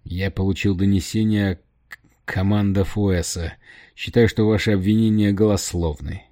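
A man's voice: low-pitched, steady tone, moderate pace, warm tone, lightly acted. A man reading a timid hesitant commander. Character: timid embarrassed male commander. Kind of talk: audiobook character voice.

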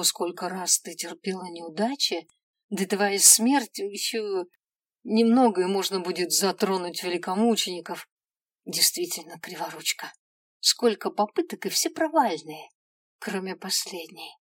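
A woman's voice: mid-range voice, dry recording, natural voice. A woman voicing a bored, irritable male imp who judges the dead, talking in a weary, dismissive way in a storybook reading.

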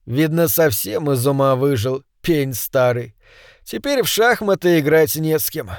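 A man's voice: animated, measured pace, no echo, clean studio sound. A man voicing a fat, childish middle-aged man who babbles and pleads in a whiny voice. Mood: chattering. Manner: whiny, high-pitched, babbling.

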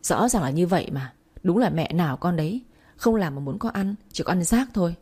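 Sneering fake-sweet evil stepmom, woman voicing her, mellow husky tone. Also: on the low side, animated, brisk. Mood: scornful. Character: scheming two-faced young stepmother.

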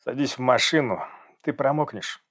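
A man reading the lines of a calm, stubborn young man who speaks flatly and dismissively. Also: medium pitch, moderate pace, close to an everyday voice. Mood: cold. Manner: flat, dismissive, terse.

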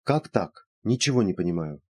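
A male reader voices a quick, doubting female friend who teases and lectures, using a high, animated voice with some huskiness. The recording is close-miked and dry.

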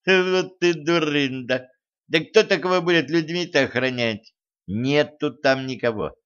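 A man's voice: a little high, a little slow, clear, resonant tone, voice pushed up. Boastful spoiled young princess with a raised, bouncy voice, brash and mocking, put on by a male reader; slightly dull audiobook sound. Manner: brash, mocking, loud folksy talk. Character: haughty spoiled young tsarevna, boastful and cruel.

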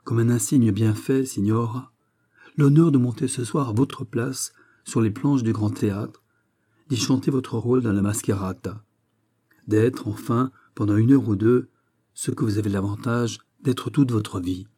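A man's voice: mid-range voice, a little slow, mellow, breathy edge. A man reading as an impassioned young society lady. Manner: pleading, exalted. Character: passionate young society lady, bored of salons. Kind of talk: read-aloud story.

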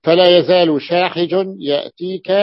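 A man teaching Arabic grammar in a classroom lecture, explaining slowly, repeating and stretching words, with long drawn-out hesitations. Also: high-pitched, fairly even intonation, dry recording, muffled recording.

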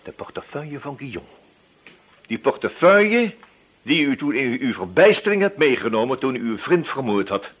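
In a radio drama, a man plays a wily, relentless police inspector, his medium-pitched voice very animated, slightly rough and moderately paced. He fakes casual chat with hesitant feints and keeps probing until he turns firm and accusing.

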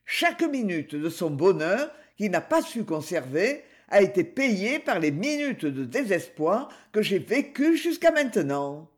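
A woman's voice: medium pitch, very animated, measured pace, hardly any pauses. A woman reading aloud, voicing a jealous, vengeful male bandleader who speaks coldly and cynically. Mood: bitter. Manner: cold, cynical.

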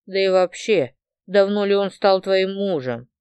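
A woman's voice: medium pitch, measured pace, a little mellow, clear, resonant tone, dry recording, lightly acted. A woman reading an audiobook, voicing a blunt, sarcastic young woman friend of the narrator. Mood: disbelieving.

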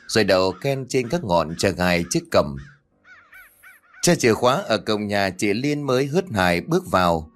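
Một người đàn ông kể truyện ma theo kịch bản, giọng đều và kịch tính. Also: male voice, sits low. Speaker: storyteller. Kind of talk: scripted ghost story narration. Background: faint music.

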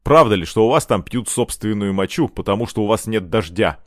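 A man's voice: fairly low pitch, animated, fairly quick, no room sound, clean studio sound, natural voice. A man voicing a cruel, mocking boy who leads a gang of children, in an audiobook. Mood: taunting. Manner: mocking, taunting.

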